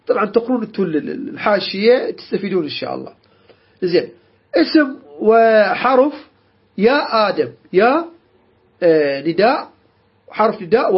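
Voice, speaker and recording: A man's voice: sits high, slightly rough. A man teaching a grammar lesson, repeating key terms and checking that students understand. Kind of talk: classroom lecture. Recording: dull lo-fi recording.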